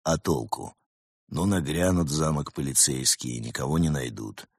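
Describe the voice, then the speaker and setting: A man voicing a sly, scheming male snow leopard who leads a cult, talking in a smug, mocking, quietly menacing way. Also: rumbling low, expressive, moderate pace, husky, no echo, studio quality, voice pushed down, heavily acted.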